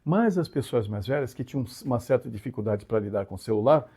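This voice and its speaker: A man's voice: mid-range voice, animated, fast, dark tone, slightly rough. A man from Brazil hosting his own channel, explaining a story in a casual monologue with frequent tag questions and emphatic swings. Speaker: channel host.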